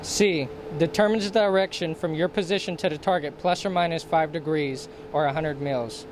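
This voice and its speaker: Army instructor guy reading out steps, formal scripted, highish voice, noticeable background noise. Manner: formal, procedural, enumerating steps. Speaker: military instructor. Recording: clear steady ambient background noise.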